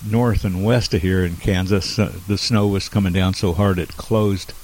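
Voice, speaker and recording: A man co-hosting a podcast, chatting casually in a halting, unhurried manner. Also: low-pitched, steady tone, darkish tone, low-quality recording. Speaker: podcast co-host.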